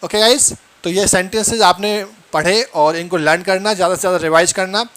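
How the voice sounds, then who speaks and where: A man teaching English, drawing out each example sentence slowly and repeating it before explaining. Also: high-pitched, fairly bright tone. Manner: slow, drawn-out English example sentences between Hindi explanations. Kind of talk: Hindi-language English lesson.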